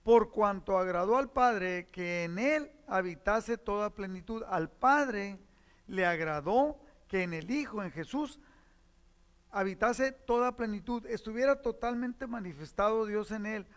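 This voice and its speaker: Male pastor, high voice, teaching sermon with repeated phrases, long hall reverb. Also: unhurried. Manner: teaching, explains verses and repeats key phrases.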